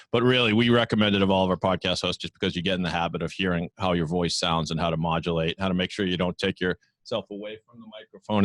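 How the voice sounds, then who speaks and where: A chatty podcast network founder, appearing as a guest in a casual video-call interview, pokes fun at himself. He speaks from his podcast studio into a studio mic while wearing headphones, his very low voice captured close and dry with no room sound at all.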